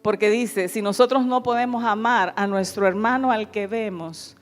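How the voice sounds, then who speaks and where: A woman's voice: mid-range voice, normal speed, faint music behind. A middle-aged woman pastor preaching a sermon in an earnest, pleading way, often calling her listeners beloved.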